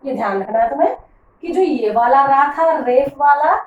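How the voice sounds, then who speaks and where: A woman's voice: high-pitched, expressive, normal speed, reverberant, far from the mic, narrow, tinny audio, slight background noise. A woman teacher explaining grammar to pupils, patiently asking questions and answering them herself. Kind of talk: classroom grammar lesson.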